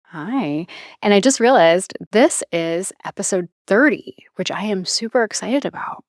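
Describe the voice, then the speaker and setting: Speaking unhurriedly and expressively in a mid-range voice, a woman in her thirties hosts a casual podcast chat. The audio is clean studio sound without any room noise. Her reflective talk often fades out and begins again.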